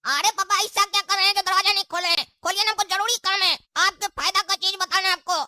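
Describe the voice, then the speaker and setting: A woman's voice: extremely high pitch, fairly even intonation, brisk, sharp tone, dry recording, studio quality, exaggerated voice. Woman playing a cheeky, whiny kid. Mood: nosy. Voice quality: whiny, cheeky back-talk. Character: cheeky lazy grown child of the house. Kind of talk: comedy skit acting.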